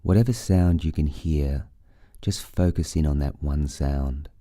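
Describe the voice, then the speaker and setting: A man leading a guided breathing meditation, giving soothing, unhurried instructions with long pauses between phrases. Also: rumbling low, mellow, no room sound, clean studio sound.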